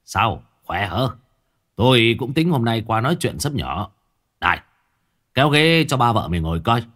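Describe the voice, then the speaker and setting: A man reading a story, voicing a hearty, talkative older village father who chats warmly with his friend. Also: mid-range voice, very animated, moderate pace. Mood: jovial. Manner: hearty, chatty.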